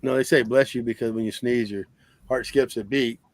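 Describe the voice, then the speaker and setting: A man's voice: medium pitch, fairly even intonation, normal speed, gravelly, no echo. A man in a casual live group chat, joking around and reading fun facts aloud.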